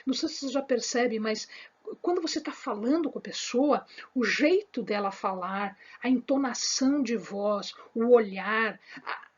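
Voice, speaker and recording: A woman's voice: on the high side, normal speed, slightly rough, lo-fi sound. A woman giving a spoken Bible lesson to her viewers, emphatic and repetitive, with many fillers and restarts. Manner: speaks with her hands. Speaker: Bible study teacher.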